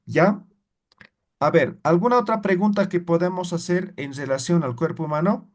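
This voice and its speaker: A man teaching a class who explains patiently, repeats example words slowly and keeps checking in with short tag questions. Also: high voice. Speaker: language teacher.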